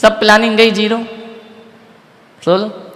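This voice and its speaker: A man's voice: sits high, slow pace. A man, a monk, giving a sermon, retelling an old epic to a live audience and firing rhetorical questions at his listeners. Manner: fires rhetorical questions at listeners, animated storytelling. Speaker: Jain monk giving a discourse. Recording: long hall reverb.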